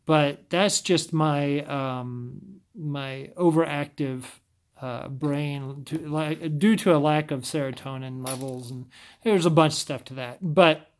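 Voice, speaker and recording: Talking casually to camera, a man with a scratchy, slightly high voice speaks slowly. He often stumbles over words and rambles, restarting his sentences.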